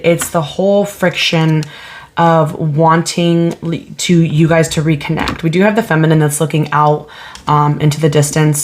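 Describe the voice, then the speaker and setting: A woman's voice: deep voice, a little hiss or hum. A woman giving a casual pick-a-card tarot reading, chatty and thinking aloud as she asks spirit questions. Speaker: tarot reader.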